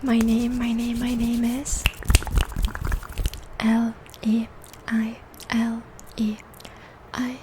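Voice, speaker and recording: A woman with a lightly high, soft-spoken voice hosts ASMR in a soothing, gentle way. She takes her time and often drops into a breathy whisper. Clear noise and clicking sit behind her voice. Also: completely flat delivery, very slow. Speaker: host asking the viewer questions. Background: tapping and clicking sounds.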